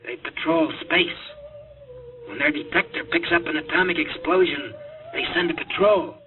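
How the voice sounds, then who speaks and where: A man's voice: on the high side, soft background music, lightly acted. Man acting desperate pilot on tinny old radio. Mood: entranced, grave. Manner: urgent, earnest, halting. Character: desperate rocket test pilot warning of doom. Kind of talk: 1950s radio drama acting.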